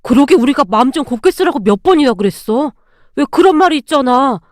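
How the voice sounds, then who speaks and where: A woman's voice: sits high, lively intonation, a little fast, dry recording, studio quality. Woman doing a taunting grown son.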